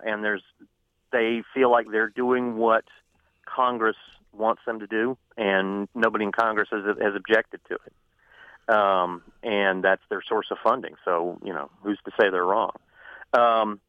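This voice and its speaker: A man who is a journalist and author, guest on a radio interview, an animated storyteller who laughs often. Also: fairly low pitch, no echo, narrow, tinny audio.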